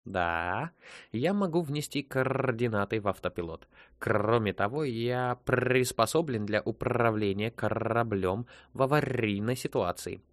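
A man voicing a polite, unhurried male ship computer that talks in a slow, measured, dutiful way. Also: mid-range voice, dry recording, close to an everyday voice.

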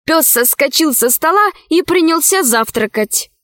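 A woman narrating a children's story in an expressive, sing-song storytelling manner. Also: high-pitched, unhurried, no echo, studio quality.

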